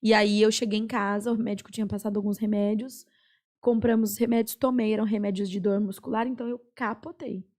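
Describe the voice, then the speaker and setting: A young woman with a Brazilian Portuguese accent, a podcast guest earnestly telling a personal story with many pauses and fillers. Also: medium pitch, steady tone, a little mellow. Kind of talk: personal testimony in a podcast chat.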